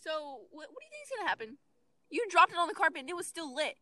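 Bright high-voiced woman, laughing recaps. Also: very animated, fast talker. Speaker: podcast co-host. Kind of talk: casual chat.

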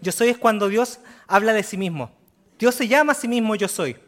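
A man's voice: high voice, expressive, a little fast, a bit bright. A man preaching a sermon in earnest, repeating key words and adding rhetorical asides to his listeners. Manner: repeats words and restarts phrases. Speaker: pastor.

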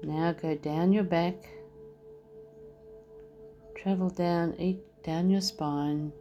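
A woman with a low voice guides a meditation at a very unhurried pace, letting each phrase settle before the next. Her delivery stays soft and soothing throughout. Gentle music plays clearly beneath her words. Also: fairly even intonation, highs cut off.

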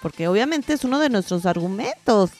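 A woman's voice: medium pitch, lively intonation, brisk, darkish tone, faint music behind. A woman with a Mexican accent hosting a podcast as a casual, colloquial monologue, with playful asides to her listeners. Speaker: podcast host.

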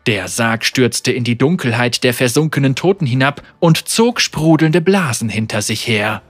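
A man reading an audiobook story as narrator, with measured, vivid storytelling. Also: mid-range voice, lively intonation, fairly bright tone, no room sound, faint music behind. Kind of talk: scripted narration.

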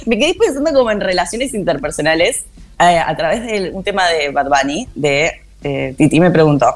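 A woman's voice: lowish voice, moderate pace. A woman with an Argentine accent co-hosting a radio show, chatting casually and animatedly in slang. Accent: Argentine Spanish. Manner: animated, slangy, acts out lyrics. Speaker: radio co-host.

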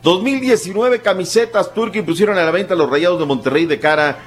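A Mexican man delivering a brisk, joking sports news roundup on a morning radio show. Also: high-pitched, faint music behind. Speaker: sports segment host.

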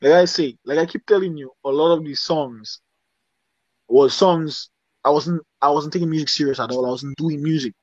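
Guesting in a relaxed interview, a man from Dominica with a Dominican accent, a singer, frequently asks "you understand?" He speaks at a moderate pace in a slightly high voice, recorded dully and without echo.

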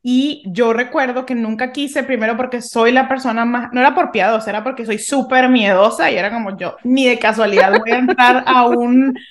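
Her voice is a little high with fairly even intonation, at a normal speed with few pauses. She's a Venezuelan podcast co-host in her thirties, thinking aloud about faith in a relaxed, reflective discussion and repeatedly restarting what she says.

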